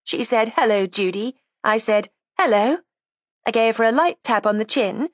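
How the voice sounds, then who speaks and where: A sharp, resentful young woman whose audiobook voice rises high against the plain narration, sarcastic and combative. A woman reader puts her on in a dry, close recording. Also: animated, moderate pace, dry recording, dull audio, close to an everyday voice. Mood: defiant. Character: defiant resentful young woman making a false confession. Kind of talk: audiobook character voice.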